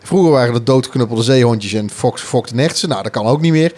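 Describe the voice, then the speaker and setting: A man's voice: medium pitch, brisk, darkish tone. A man co-hosting a podcast, thinking aloud in casual chat with frequent hesitations. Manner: musing, many fillers and restarts. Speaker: podcast co-host. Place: office studio.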